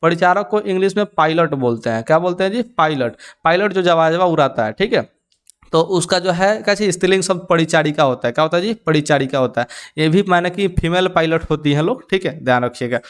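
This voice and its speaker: A man's voice: on the high side, animated, brisk, smooth. A young man teaching an exam-prep lesson. He keeps asking his students to repeat the answer back and drops joking asides in local dialect. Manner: call-and-response questioning with "kya ho jayega ji?".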